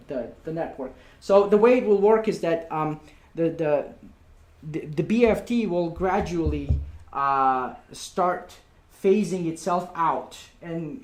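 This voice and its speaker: Guy with highish voice presenting at a meetup, stumbly and hesitant, roomy echo. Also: darkish tone. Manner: hesitant, halting, repeating words. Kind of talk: informal presentation and Q&A. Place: indoor meetup room. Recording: echoey room recording.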